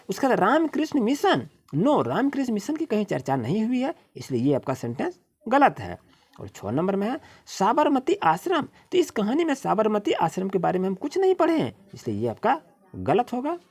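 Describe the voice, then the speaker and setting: A primary school teacher with an Indian accent and a medium-pitched, darkish, husky voice instructs young children through textbook exercises. She reads the English out slowly, one word at a time.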